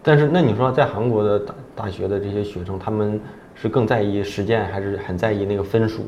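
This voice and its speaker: A man's voice: lowish voice, a little fast, darkish tone. A man from China hosting a casual interview, chatty and informal, often rephrasing his questions. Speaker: interviewer, host. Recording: dull echoey room recording, faint noise.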